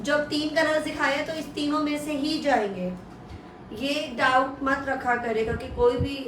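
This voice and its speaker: An Indian woman with a high voice works as a live-shopping presenter selling women's clothing, delivering a casual, unscripted online sales pitch. She blends Hindi with English phrases and keeps repeating prices and details to push buyers. The sound is distant and roomy, with echo, a far-off mic and faint noise.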